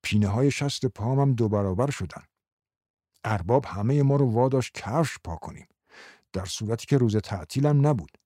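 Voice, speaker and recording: A man's voice: mid-range voice, animated, dark tone, dry recording, studio quality, close to an everyday voice. A man voicing a weary male laborer grumbling about aches.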